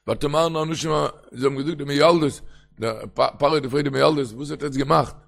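A man's voice: on the high side, brisk, gravelly, a bit bright. A man giving a traditional religious lecture in an emphatic manner, often slipping into a sing-song chant. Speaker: religious teacher.

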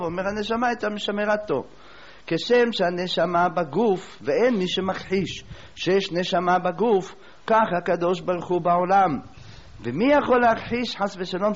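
A male preacher tells a religious tale in a lively way and keeps posing rhetorical questions to his listeners. His voice sits slightly high, and the recording is dull and low-fidelity. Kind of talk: sermon storytelling.

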